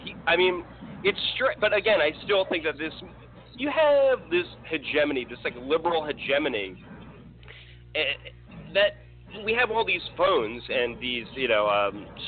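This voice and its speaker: A man talks politics casually, circling back and restarting his sentences. His voice sits a little high. The sound is thin and phone-like, with a faint hiss underneath. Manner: rambling, many restarts and fillers, laughs often. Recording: tinny phone-like line with faint noise.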